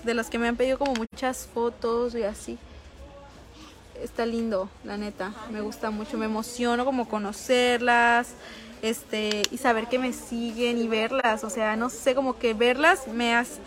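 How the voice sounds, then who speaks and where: A young woman with a Mexican accent, chatting effusively with fans on a casual makeup live stream from a small table in a public place. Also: a little high.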